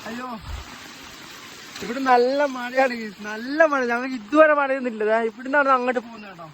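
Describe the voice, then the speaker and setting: A man with a strikingly high voice vlogs casually from a rainy hilltop outdoors. He exclaims often as he talks to viewers into a handheld phone. Loud outdoor noise of rain and wind sits under his voice. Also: fairly even intonation, brisk. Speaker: vlogger. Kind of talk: casual travel vlog commentary to viewers.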